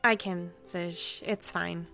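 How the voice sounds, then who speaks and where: A woman's voice: fairly low pitch, steady tone, slow, vocal fry, bright, forceful tone. A woman talking casually in role-play as a player in a tabletop game. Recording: music playing behind the voice.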